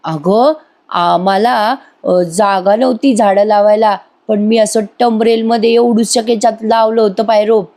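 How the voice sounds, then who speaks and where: A woman's voice: mid-range voice, fairly even intonation, a little slow, a little mellow, lightly acted. Lady putting on an easygoing simple old guy, rambling and homely. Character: simple-minded older man, easygoing.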